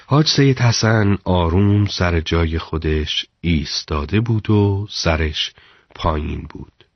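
A man narrating a story in a measured, dramatic storytelling delivery. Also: sits low, dry recording, lo-fi sound.

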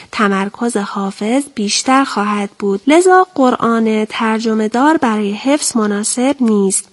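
Brief: woman teacher-host in a TV studio, raised pitch, careful and deliberate delivery. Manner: careful, deliberate, slows down for quoted verses. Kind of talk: televised Quran memorization lesson.

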